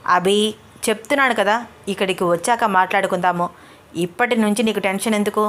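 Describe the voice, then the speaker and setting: A woman voicing a calm, teasing young friend. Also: medium pitch, fairly quick, lightly acted. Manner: calm, reassuring.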